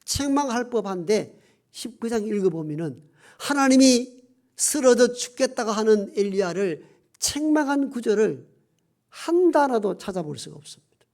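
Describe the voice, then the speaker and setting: A middle-aged male pastor preaching a Sunday sermon in a church. He moves between raised emphatic phrases and hushed, almost whispered lines, and slows down to stress key words. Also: high-pitched, lively intonation. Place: church sanctuary.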